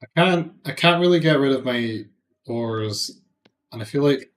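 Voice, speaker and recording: A man's voice: medium pitch, expressive, measured pace. Man muttering through a game stream. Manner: muttering thoughts aloud, joking to chat. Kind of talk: casual gameplay commentary.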